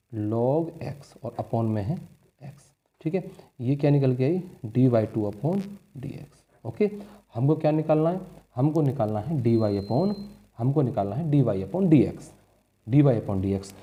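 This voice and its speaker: A man's voice: medium pitch, lo-fi sound. A male maths teacher, working through board-exam problems step by step and answering his own questions. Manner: calls students "बच्चे" and "भाई".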